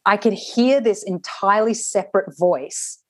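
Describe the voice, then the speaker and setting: A woman's voice: medium pitch, a little slow, dry recording. A woman guest telling a personal story in conversation, reflective, often restarting and acting out what people said. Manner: reflective, with frequent restarts and acted-out quotes. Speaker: interview guest.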